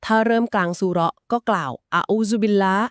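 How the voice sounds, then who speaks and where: A woman co-hosting a podcast, calmly and patiently explaining things step by step. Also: mid-range voice, fast, no room sound, clean studio sound. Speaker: podcast co-host explaining Quran etiquette.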